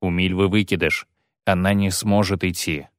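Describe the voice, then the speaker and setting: A man voicing a gruff, weary male monster hunter who talks in clipped, grim phrases. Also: low voice, steady tone, moderate pace, no echo, studio quality, voice pushed down, lightly acted.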